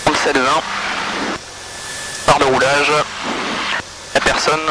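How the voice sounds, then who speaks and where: Higher-pitched male student pilot on a noisy headset. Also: flat delivery, slow. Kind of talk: procedural cockpit callouts and radio calls. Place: small light aircraft cockpit. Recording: pilot headset, loud aircraft engine noise.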